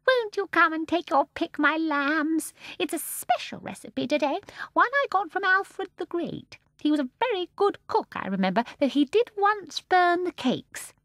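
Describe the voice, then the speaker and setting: A woman plays a tiny, ancient, tyrannical old shopkeeper with a shrill, squeaky, cackling voice, gleefully chattering one moment and turning soft and fierce the next. The delivery is exaggerated and sing-song at normal speed, sweet and coaxing in mood, with no room sound.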